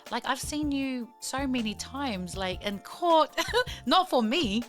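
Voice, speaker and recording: A woman's voice: high-pitched, animated, takes it slowly, soft background music. A woman hosting a casual, informal interview. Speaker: host.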